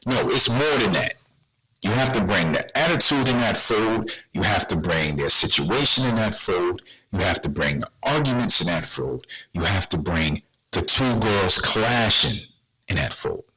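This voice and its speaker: Podcast host, male, bright and lively delivery, streetwise slang, talks straight to camera. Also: lowish voice, measured pace, slightly rough, low-quality recording. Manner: blunt, rhetorical questions, streetwise slang. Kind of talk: casual monologue to viewers.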